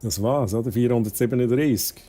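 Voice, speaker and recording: Speaking briskly in a warm, medium-pitched voice, a young man from Switzerland streams a game and talks casually to his chat. His Swiss German accent comes through, and English exclamations pop up often.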